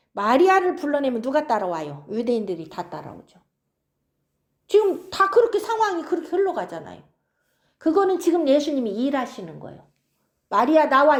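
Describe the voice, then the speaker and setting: A woman preaching an expository sermon, keeps prompting her listeners. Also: sits high.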